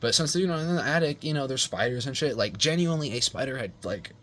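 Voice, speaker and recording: A man's voice: medium pitch, expressive, fast talker, fairly bright tone. A young man casually telling a rambling personal story, full of swearing, slang and fillers.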